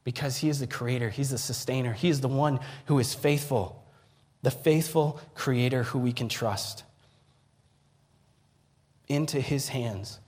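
A man preaching a sermon, earnest, building to emphatic peaks and dropping to hushed, quiet lines. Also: mid-range voice, unhurried, pauses often. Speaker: pastor.

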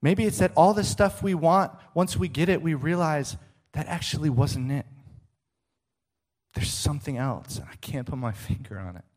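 A man's voice: fairly high pitch, normal speed, darkish tone. A middle-aged man preaching a sermon, emphatic and rhetorical, often checking in with the listener.

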